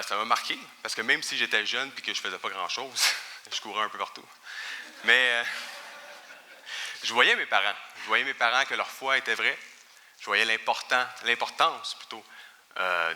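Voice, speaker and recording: Standing before a congregation in a church sanctuary, a man in his thirties from Quebec, Canada shares his personal story informally and with gentle humor. He speaks with a Quebec French accent in a lowish, sharp voice, and the recording has a big-room sound.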